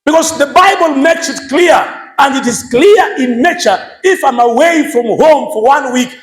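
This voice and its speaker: A man with a Kenyan accent preaching a lively sermon, switching between English and Swahili and shouting some points for emphasis. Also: very high-pitched, normal speed, roomy sound, poor audio. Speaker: pastor.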